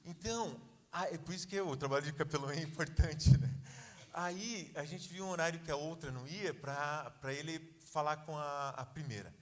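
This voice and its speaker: A man's voice: fairly high pitch, moderate pace, big-room sound. A man preaching a sermon, telling a story in a conversational way with many asides. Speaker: pastor. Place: church.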